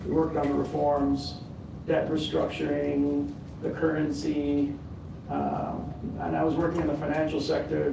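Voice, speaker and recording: A man's voice: fairly high pitch, gravelly. A man in his fifties on a conference panel, telling his personal story with self-deprecating asides and many fillers and restarts. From born in the US, raised in California, family from Sudan. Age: 50s. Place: conference hall. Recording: echoey hall, mic far off, background noise.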